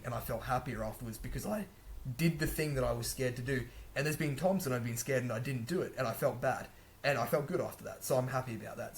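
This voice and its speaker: A man's voice: mid-range voice, a little hiss or hum. A man giving casual language-learning advice to camera, rambling and correcting himself as he goes. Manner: rambling, chatty, frequent restarts and self-corrections. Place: a room indoors.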